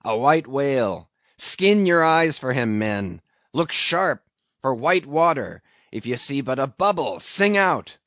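A man's voice: mid-range voice, slow pace, fairly bright tone, no room sound, highs cut off. A man voicing a fierce, obsessed old whaling captain in an audiobook, bellowing in declamatory, archaic seafaring speech. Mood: rousing, commanding.

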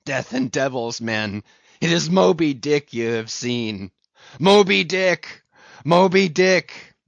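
Guy doing a fierce old whaler captain, obsessed, roaring slow and grand, seafaring talk, bit roomy and dull. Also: medium pitch, expressive, creaky. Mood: rousing, commanding. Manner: bellowing, declamatory, archaic seafaring speech. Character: fierce old one-legged whaling captain, obsessed and commanding.

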